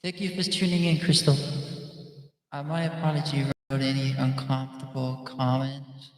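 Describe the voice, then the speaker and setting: A weary man chats with his live-stream audience after hours of singing, thanking them again and again. His voice sits a little high and moves slowly. It rings through heavy reverb, with a long echoing tail and music playing behind him. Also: level tone, recorded from a distance. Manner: thanks viewers over and over, loose and rambling. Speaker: singer hosting a live stream. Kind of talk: casual chat with live viewers.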